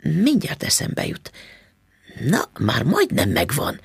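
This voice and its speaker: A man's voice: fairly high pitch, wildly swooping pitch, vocal fry, slightly rough, dry recording, exaggerated voice. A man voicing a polite, curious young lodger who muses aloud, in a storybook reading. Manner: polite and musing.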